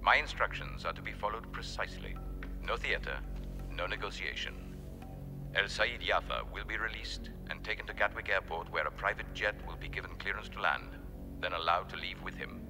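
Actor as menacing hijacker, low, over music. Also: male voice, close to an everyday voice. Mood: cold menace. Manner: measured, formal, threatening. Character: menacing male hijacker leader issuing cold demands. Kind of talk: recorded ultimatum in film drama.

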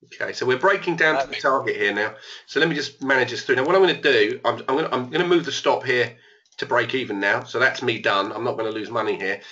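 A man who's losing his voice somewhat runs an online trading room as a trading educator, chatting through live trades and musing aloud. He talks fast at a medium pitch, sounding pushed and bright, and the sound is lo-fi.

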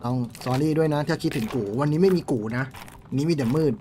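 Crude, excitable male game streamer. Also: a little high, brisk, a little hiss or hum. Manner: crude, swearing, excitable outbursts. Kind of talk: live game stream chat.

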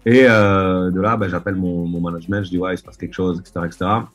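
A man tells his story over a video call, his voice low and husky. He rambles, filling gaps with hesitations and restarting his sentences. Faint music plays quietly behind him. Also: fairly even intonation, fast. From Marseille, France. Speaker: DJ and producer guest. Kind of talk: casual interview storytelling. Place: dim room at home. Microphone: video call webcam.

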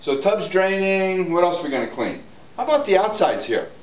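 A man's voice: high voice, very animated, brisk, slight background noise. A man in his forties, a hot tub store owner, giving a casual, upbeat how-to demo while moving around and gesturing. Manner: chatty, upbeat, walks and gestures while explaining. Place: spa showroom, indoors, large. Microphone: camera on tripod at a distance. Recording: roomy showroom audio, camera mic from a distance.

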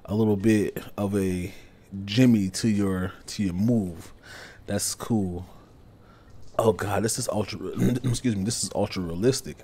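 A man giving horror game playthrough commentary as a streamer, halting and hushed as he talks to himself. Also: on the low side. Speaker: gaming streamer.

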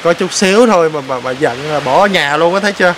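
A man's voice: a little high, fast, a crowd in the background, low-quality recording. A man hosting a vlog, teasing and prodding someone with repeated questions. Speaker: vlog host. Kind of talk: teasing casual chat on camera.

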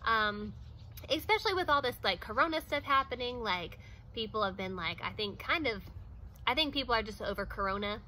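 Speaking to camera outdoors by a wooden fence, this woman in her thirties is a chatty vlogger who peppers her speech with "like" and small laughs. Her voice is on the high side, bright and pushed, with lively intonation and a brisk pace. The recording is rough, with a slight hiss or hum.

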